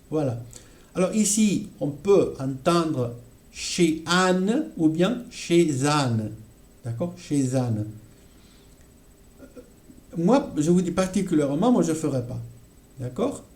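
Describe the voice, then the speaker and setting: A man teaching a French grammar lesson at an unhurried pace, in a mellow, dark voice. He keeps checking that his listeners follow and repeats each example phrase slowly. The room around him is echoey. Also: a little high. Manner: frequent check-ins with "d'accord?" and "voilà".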